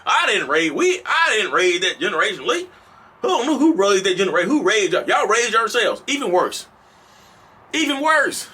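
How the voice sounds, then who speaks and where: Thirty-something guy ranting on his vlog, bright voice, kinda high, fires off the same question again and again. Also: big pitch swings, normal speed, slightly rough. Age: 30s. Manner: passionate, repetitive rhetorical questions, preacher-like build-ups. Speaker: host. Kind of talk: casual vlog monologue.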